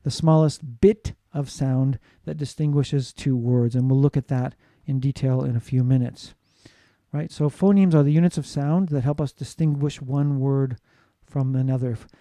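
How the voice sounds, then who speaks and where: An American English teacher gives a classroom lecture on phonetics, explaining steadily and often asking "right?" to check in with students. His warm, medium-pitched voice has fairly even intonation and a moderate pace, with no room sound.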